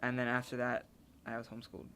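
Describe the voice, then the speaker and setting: A man's voice: medium pitch, monotone, fast talker, noisy background. A seventeen-year-old man, a graduating homeschool student, answering interview questions in a rambling, self-correcting way.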